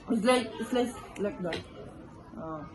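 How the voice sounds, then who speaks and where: A woman's voice: medium pitch, unhurried, a crowd in the background. Filipino woman, home vlogger; coaxing, playful delivery, leisurely pace, light background noise. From Philippines. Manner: playful, coaxing, prompting others. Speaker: vlogger filming a food tasting. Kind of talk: casual home vlog. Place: home kitchen.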